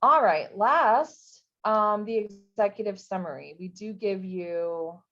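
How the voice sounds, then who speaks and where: A woman's voice: mid-range voice, takes it slowly, fairly bright tone. A woman running a recorded info session, talking casually with many fillers and restarts. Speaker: program coordinator. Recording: dull, lo-fi recording.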